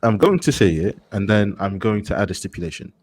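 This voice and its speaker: Husky young British man, lively. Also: lowish voice, a little fast, no echo. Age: young adult. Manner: excitable, swearing, laughing often. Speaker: podcast host. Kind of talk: casual chat.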